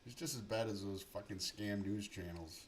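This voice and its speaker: A man's voice: lowish voice, moderate pace, a little hiss or hum. A man giving profane, mumbling running commentary on his live trading stream. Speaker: livestream day trader.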